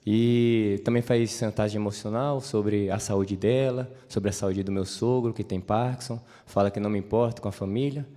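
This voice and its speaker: Mellow Brazilian man in an echoing hall. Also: lowish voice, steady tone, moderate pace, few pauses. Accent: Brazilian Portuguese. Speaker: interviewee. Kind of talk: stage interview, personal account. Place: large assembly hall. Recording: reverberant assembly hall.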